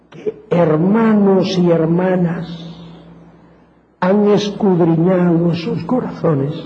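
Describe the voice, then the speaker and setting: A high-voiced Castilian Spanish preacher delivers a fervent sermon, slow and deliberate, his mellow tone rising to emphatic peaks. The sound is dull and lo-fi, with long reverb from a large hall around him. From Spain.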